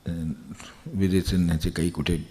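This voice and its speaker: An older man from Maharashtra giving a devotional discourse in a conversational, digressive manner, pausing to chuckle as he explains with everyday examples. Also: deep voice, flat delivery, mellow. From Maharashtra, India. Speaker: spiritual discourse speaker.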